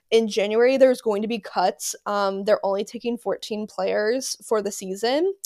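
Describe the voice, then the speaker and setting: A young woman hosting a casual solo podcast, excitable and gushing, with lots of fillers and repeated words. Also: mid-range voice, no echo, studio quality. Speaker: podcast host.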